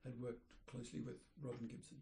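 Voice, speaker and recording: An older man, an architect, reminiscing in an interview, rambling and pausing to search for names. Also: medium pitch, little pitch movement, creaky, dark tone, slight background noise. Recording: roomy echoey room.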